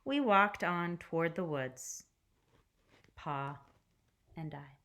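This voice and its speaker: This is a teacher, a woman, reading a children's picture book aloud in an expressive style. Her voice sits low, and she uses deliberate pauses and hushed endings to her phrases.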